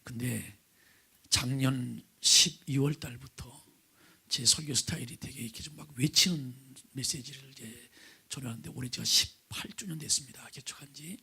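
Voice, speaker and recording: A middle-aged pastor opens his sermon with prayer, standing at the pulpit in the sanctuary. His medium-pitched voice is rough and gravelly from vocal nodules, sounding pushed and bright at a moderate pace. He regularly slips into a breathy near-whisper and puts questions to the congregation.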